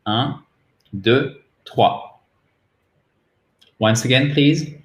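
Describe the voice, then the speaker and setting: A man with a French accent, a native French speaker, teaching English pronunciation in a patient way and repeating words slowly for drilling. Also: mid-range voice, reverberant. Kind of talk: pronunciation lesson.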